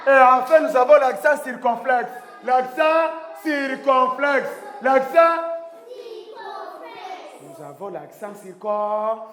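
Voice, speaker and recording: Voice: mid-range voice, lively intonation, slow, long pauses, a bit bright. A primary school teacher from Rwanda, leading a French lesson with repetitive drilling and call-and-response, praising pupils. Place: large indoor classroom. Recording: echoey classroom hall, background noise.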